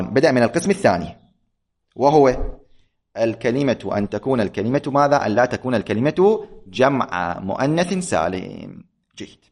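A middle-aged man with a lilt leads a classroom lecture on grammar. He speaks at an ordinary pitch, patient and methodical, repeating each point and pausing to ask his students whether they follow. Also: darkish tone. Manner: patient, repetitive, checks understanding with questions. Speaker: religious grammar teacher.

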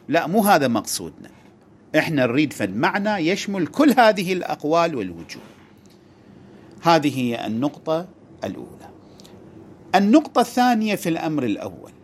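Lively man giving a lesson. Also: a little high, slight background noise. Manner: methodical, restates and repeats points to explain them. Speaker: religious studies teacher. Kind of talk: lecture.

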